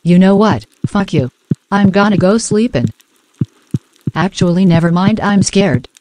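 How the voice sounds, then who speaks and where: A woman's voice: mid-range voice, a little slow, warm tone, a little hiss or hum. A young woman giving casual gameplay commentary, playful and swearing freely as she talks to the game's characters. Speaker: gamer.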